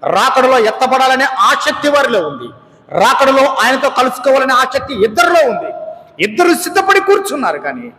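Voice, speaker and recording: A man preaching a sermon as pastor, firing rhetorical questions and swinging between raised, fervent lines and hushed, low ones. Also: slight background noise. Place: church. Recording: echoey church hall with faint ambience.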